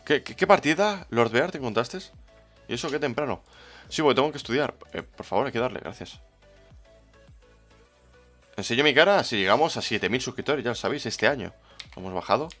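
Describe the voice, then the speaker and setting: Brief: man, Spain Spanish accent, playful game streamer reading his chat, middle pitch, faint music underneath. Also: lively intonation, a little fast, pauses often, fairly bright tone. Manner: chatty, playful, greets viewers by name. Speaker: livestreamer. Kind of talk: casual livestream chat, reading the chat.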